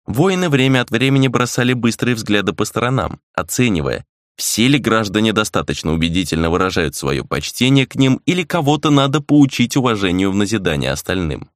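Brief: male audiobook narrator, deep tone, dry close sound. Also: very animated, a little fast, no room sound.

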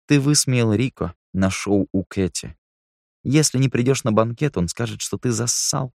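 A man voicing a cold, sardonic young man who speaks slowly and mockingly. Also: medium pitch, gravelly, a little mellow, dry recording, studio quality, voice pushed up.

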